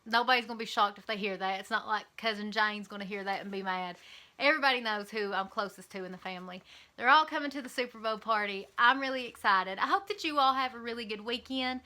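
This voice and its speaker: A woman's voice: a little high, fast talker, bright, forceful tone. A woman with an Eastern Kentucky accent talking casually and candidly to camera in a vlog, with frequent ums and likes. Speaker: vlogger.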